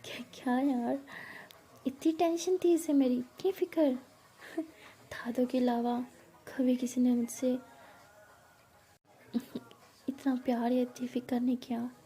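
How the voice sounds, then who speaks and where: A woman voicing a calm, soft-spoken woman teacher. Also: high-pitched, measured pace, creaky, hardly any pauses. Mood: musing. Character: calm older woman teacher, reserved and gentle.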